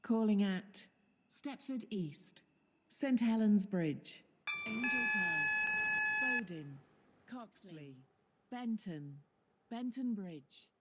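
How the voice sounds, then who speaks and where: Woman's slow station loudspeaker announcement. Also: mid-range voice. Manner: measured, even announcement delivery. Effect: platform loudspeaker train announcement. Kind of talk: recorded public announcement. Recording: long hall reverb, faint noise.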